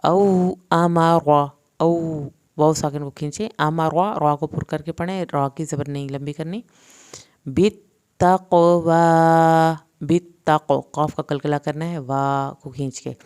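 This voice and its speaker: A woman with a Pakistani Urdu accent teaching Quran recitation rules, reciting each word slowly and then explaining it quickly. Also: deep voice, fairly even intonation, a little mellow, smooth. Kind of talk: tajweed lesson.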